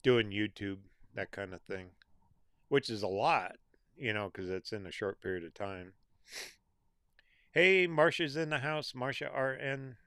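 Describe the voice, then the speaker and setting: Slow, smooth-voiced man hosting a live Q&A. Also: medium pitch, lively intonation, fairly bright tone, no room sound, studio quality. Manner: reads out viewer names and comments with small laughs. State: losing his voice. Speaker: livestream host reading viewer comments. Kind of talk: casual live Q&A chat.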